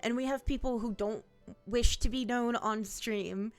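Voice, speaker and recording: A woman's voice: fairly high pitch, steady tone, measured pace, faint music behind. A woman in her twenties from Ohio, chatting casually on a stream with many fillers. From Ohio, USA. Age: 20s. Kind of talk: casual chat.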